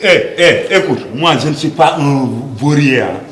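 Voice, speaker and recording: A man's voice: a little high, expressive, normal speed, reverberant. A man with a voice playing a proud, jealous village husband in a comic sketch, blustering and repeating himself. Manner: blustering, repeats himself with loud emphatic bursts.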